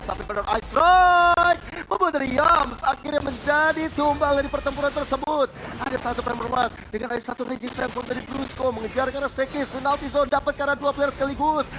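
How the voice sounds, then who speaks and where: A man calling an esports match in excited play-by-play like a fighting game announcer, stretching and shouting his emphasis. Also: extremely high pitch. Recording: clearly noisy game broadcast.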